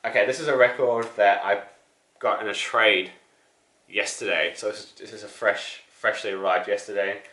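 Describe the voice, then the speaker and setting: A man from New with a deep, bright-edged voice, rambling through a casual record show-and-tell. He fills his speech with ums and restarts. The sound is roomy, with echo from a room at home. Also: fairly even intonation, moderate pace. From New Zealand. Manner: rambling, many fillers and restarts. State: out of breath, still sick. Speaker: record collector vlogger.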